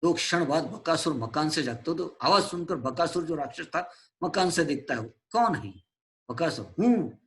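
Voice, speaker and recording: A male teacher walks a class through a play, retelling the stage directions in plain words. He stops to explain difficult words in English, in a slightly high voice. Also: moderate pace, a bit bright.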